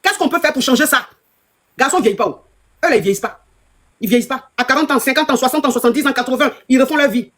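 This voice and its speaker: Fast-talking husky Ivorian woman coach. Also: sits high, a bit bright. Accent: Ivorian French. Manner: emphatic, repetitive, scolding. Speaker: life coach. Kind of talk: live advice talk to followers.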